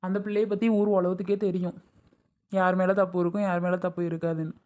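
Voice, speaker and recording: A woman's voice: fairly low pitch, fairly even intonation, fast, a little mellow, natural voice. Woman doing a stern lecturing uncle. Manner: firm, lecturing, dismissive. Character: stern older uncle scolding the family. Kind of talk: family drama skit acting.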